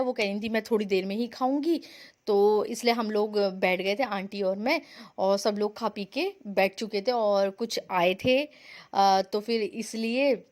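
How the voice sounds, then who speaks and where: A young woman from India narrating her family vlog in a chatty, rambling way, mixing in English words. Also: medium pitch. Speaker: vlogger.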